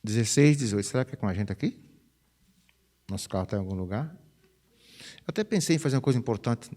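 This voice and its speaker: A pastor, preaching a chatty, conversational sermon. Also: male voice, medium pitch, quick pace. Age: 50s. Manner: chatty, animated, peppers phrases with "né?". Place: church sanctuary. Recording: reverberant church hall.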